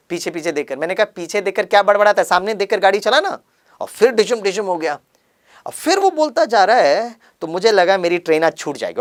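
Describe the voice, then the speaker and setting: A male spiritual speaker tells a teaching story, his voice swinging widely up and down. He acts out the lines of the people in it and slips English words into his talk. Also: high-pitched. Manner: acts out dialogue in lively voices; mixes English words into Hindi. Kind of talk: storytelling sermon.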